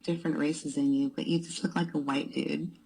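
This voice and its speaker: Prank caller: woman disguised by a deep pitch-shifted voice changer, low and mellow, playful and flirty. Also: fairly even intonation, a little fast, gravelly, husky, poor audio. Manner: teasing, suggestive, playful. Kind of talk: flirty phone prank call.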